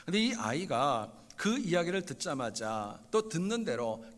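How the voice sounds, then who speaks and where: A man preaching from the pulpit in a church sanctuary, his fairly high voice swinging lively up and down as he presses his points. He speaks straight to the congregation and repeats key phrases for weight. A long hall reverb trails every phrase. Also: a little slow. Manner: earnest, repeatedly addresses the congregation directly; emphatic repetition of key phrases. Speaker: pastor. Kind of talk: sermon.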